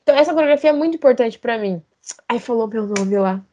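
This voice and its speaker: A woman's voice: fast, dull audio. A woman, a dancer and choreographer, telling stories in a casual podcast chat. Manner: animated storytelling, rising pitch at emotional moments.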